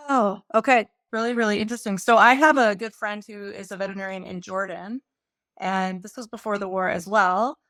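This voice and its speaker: A woman hosts a casual podcast interview, chatty and lively, often restarting her sentences as she thinks aloud. Her voice sits mid-range and sounds close and dry, with no room around it. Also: mid-range voice, fairly quick, no echo. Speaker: podcast host.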